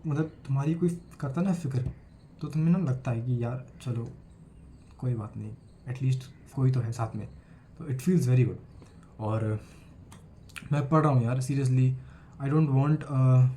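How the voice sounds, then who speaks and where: A man's voice: medium pitch, dark tone, slight background noise. An 18-year-old man with an Indian accent, talking earnestly to camera in a casual vlog, recovering from a cold. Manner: earnest, mixing Hindi and English. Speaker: student vlogger.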